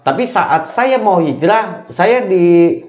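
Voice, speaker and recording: A man's voice: high-pitched, animated, slow. A man telling his story as an interview guest, hesitant, with many fillers and tag questions. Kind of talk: casual testimony interview. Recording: roomy echo.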